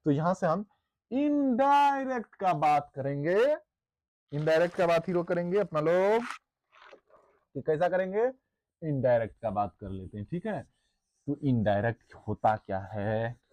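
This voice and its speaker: A man teaching a basic grammar lesson, repeating words slowly as he dictates notes in English. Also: on the high side, a little mellow.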